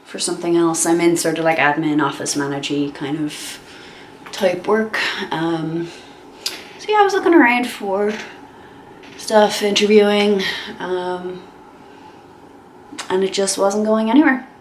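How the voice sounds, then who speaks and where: A beauty vlogger, a young woman, chats while doing her makeup, her slightly low voice nasal and stuffed up from a cold. She rambles at a measured pace, pausing often and filling gaps with lots of ums and likes. The room echoes, and a faint hum runs underneath.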